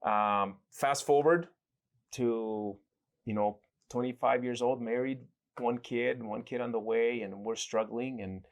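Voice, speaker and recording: A man from El Salvador talks through his story as an interview guest. He speaks at a middling pitch, pauses often, and circles back to restart his sentences in a reflective, conversational way. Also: steady tone.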